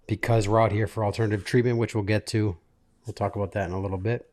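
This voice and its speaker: A man in his late thirties hosting a casual podcast from a living room, telling a personal story in a halting, self-interrupting way. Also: on the low side, fairly even intonation, darkish tone. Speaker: podcast host. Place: makeshift studio in a living room.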